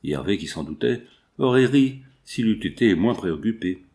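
A man reading a classic novel aloud in a measured, even storytelling manner. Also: fairly low pitch. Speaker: audiobook reader.

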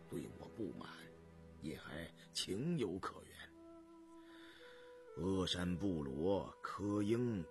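A man voicing a tired, ailing middle-aged male official who speaks low and self-mockingly, for an audiobook. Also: heavily acted. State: exhausted.

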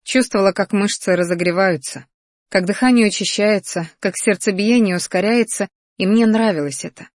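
A woman reading a first-person fantasy audiobook in a lively, expressive way. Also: mid-range voice, moderate pace, dry recording, clean studio sound. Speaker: audiobook narrator.

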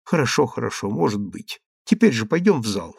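A man's voice: medium pitch, big pitch swings, fairly quick, creaky, a little mellow, husky, no echo, studio quality, heavily acted. A man reading a story aloud and voicing a tearful young baroness who pleads and then snaps in exasperation. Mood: pleading.

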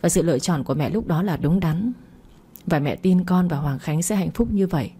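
A woman reading the part of a gentle, persuasive middle-aged mother in a storybook reading. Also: on the low side, fairly quick, breathy edge. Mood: coaxing. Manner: gentle, coaxing.

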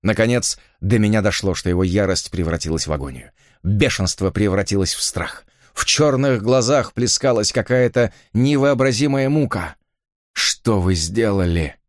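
A man's voice: lowish voice, moderate pace, dry recording, studio quality. A man reading a first-person thriller aloud, narrating in a dramatic way. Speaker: audiobook narrator.

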